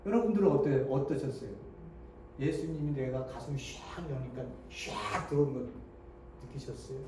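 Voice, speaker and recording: A male pastor preaching a sermon, moving between hushed tones and loud rhetorical questions. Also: mid-range voice, normal speed, background noise. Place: church sanctuary. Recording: echoey church hall, mic from a distance.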